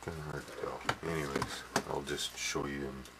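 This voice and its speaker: A hobby modeler with a very deep voice gives a casual demo in a small indoor workshop, rambling brisk and flat with many fillers and restarts, tagging lines with "eh." The home camcorder audio is noisy.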